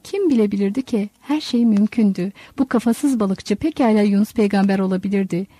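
A woman narrating a literary novel in a measured, storytelling manner. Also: mid-range voice, warm tone, husky, no echo. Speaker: audiobook narrator.

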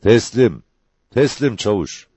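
A man's voice: deep voice, very animated, normal speed, warm tone, no echo. A man voicing a wounded young outlaw who speaks in strained, solemn declarations. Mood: dead-voiced.

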